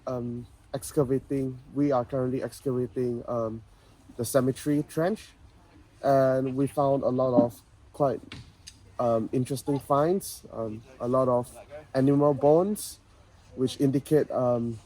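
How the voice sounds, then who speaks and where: A man's voice: mid-range voice, darkish tone, a little hiss or hum, low-quality recording. A young man from Malaysia, an archaeology student, speaking hesitantly with many ums. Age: young adult. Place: outdoor excavation site.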